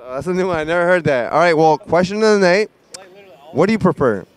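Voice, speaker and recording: A man's voice: fairly high pitch, expressive, quick pace, smooth. A man doing playful street interviews at night, a little drunk and slurring, teasing people with questions. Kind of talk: street interview, vox pop.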